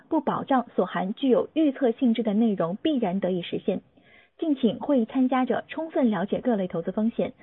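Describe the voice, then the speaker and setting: A woman reads a scripted legal disclaimer in a formal, measured recitation. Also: on the high side, breathy edge, dry recording. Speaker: disclaimer reader. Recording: tinny, narrow phone-like audio.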